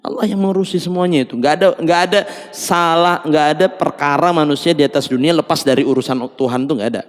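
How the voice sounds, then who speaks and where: A man's voice: fairly high pitch, quick pace. A man preaching at a mosque study session, joking and laughing often and slipping in Javanese words. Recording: long mosque reverb.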